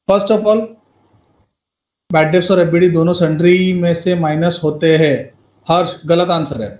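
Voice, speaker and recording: High-voiced teacher, echoey room. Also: male voice, a little mellow. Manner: mixes Hindi and English, quizzes students by name. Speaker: accountancy teacher. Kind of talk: live online class lecture. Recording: roomy echo.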